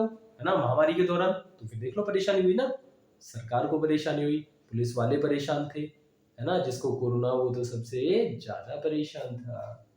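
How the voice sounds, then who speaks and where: A man's voice: on the high side, darkish tone. A man teaching English vocabulary in Hindi, explaining words with memory tricks and checking in with "है ना?" as he goes. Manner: explains with mnemonics, frequent "है ना?" check-ins. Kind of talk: classroom-style vocabulary lesson. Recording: very echoey room.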